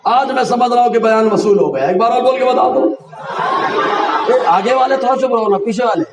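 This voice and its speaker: A male preacher giving a fervent sermon, shouting and teasing his listeners to answer back. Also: very high-pitched, moderate pace, background noise. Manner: fervent, shouting, teases the crowd. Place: outdoor religious gathering. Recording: echoey, mic far off, loud crowd. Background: crowd of listeners.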